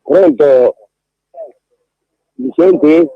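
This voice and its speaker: A man's voice: a little high, drawn-out words, no room sound. A man calling in to a radio talk show over the phone, ranting bluntly and indignantly. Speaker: caller. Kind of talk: radio call-in. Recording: tinny phone line.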